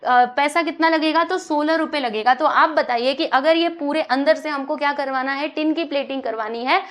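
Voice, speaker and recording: With a high-pitched, somewhat bright voice, a female teacher leads a maths class by asking questions and supplying the answers herself. When she reaches the English word problem, she reads it aloud more slowly.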